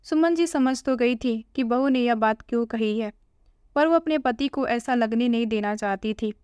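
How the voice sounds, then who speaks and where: A woman's voice: on the high side, normal speed, darkish tone, clean tone, no room sound, studio quality. A woman storyteller narrating a moral family tale and addressing listeners as friends.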